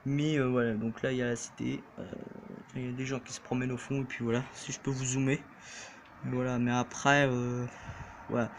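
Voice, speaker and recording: A young man giving a casual tour of his bedroom, rambling and hesitant with lots of fillers, his voice jumping up then sinking low and quiet. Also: level tone, a little fast, a little hiss or hum. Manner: pitch swings up and drops low and quiet. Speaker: vlogger. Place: bedroom, indoors.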